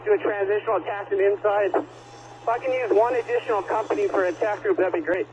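A man's voice: high-pitched, brisk. A man, a firefighter leading a crew, giving radio status updates. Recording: muffled radio, clear background noise.

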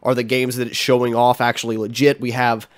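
A man's voice: mid-range voice, little pitch movement, a little fast. Young dude with a blocked-up nose rambling on his vlog, lots of ums, medium voice. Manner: chatty and frank, many ums and uhs. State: congested, stuffy nose. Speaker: channel host. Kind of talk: casual commentary vlog.

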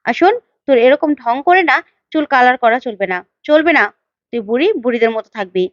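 A woman's voice: high voice, animated, quick pace, no echo, dull audio. A woman doing bossy, threatening young heroine. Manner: scolding, blunt and mocking.

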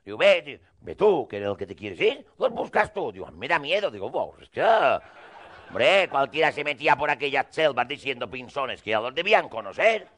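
A man's voice: medium pitch, very animated, normal speed, fairly bright tone. A man telling a rambling, crude comic monologue in character, acting out both sides of the dialogue.

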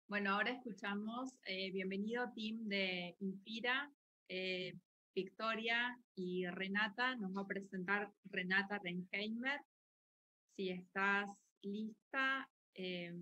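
A woman moderates an online event, politely keeping speakers on time. Her voice is bright and sharp, and it comes through dull call audio with a faint hiss behind it. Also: medium pitch, takes it slowly. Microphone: video call.

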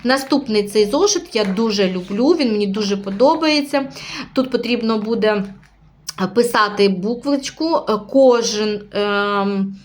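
A woman preschool teacher with a Ukrainian accent, patiently recapping a lesson for parents in a slow, careful way with drawn-out words and hesitations. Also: medium pitch, a little hiss or hum.

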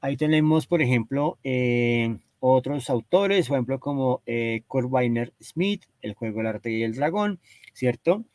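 A man talks his audience through a slide presentation at a mid-range pitch, pausing often and tacking a questioning tag onto nearly every phrase. His voice is recorded close and dry, with almost no room sound around it. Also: expressive, darkish tone, dry recording. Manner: hesitant, constantly tags phrases with "¿no?" and "¿cierto?". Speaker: lecturer presenting book cover art. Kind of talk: explanatory slide talk.

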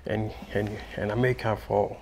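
A man answers interview questions in a TV studio. His voice has a strong gravelly fry, and he fills his answers with repeats and fillers, with faint noise behind him. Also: lowish voice, little pitch movement, a little mellow. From Haiti. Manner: halting, many fillers and repeats. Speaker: guest, English student.

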